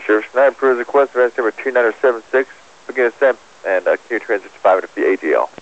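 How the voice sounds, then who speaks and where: A man's voice: mid-range voice, animated, racing. A man working as an air traffic controller gives clipped, terse instructions over a crackly radio transmission. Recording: muffled, crackly aviation radio recording.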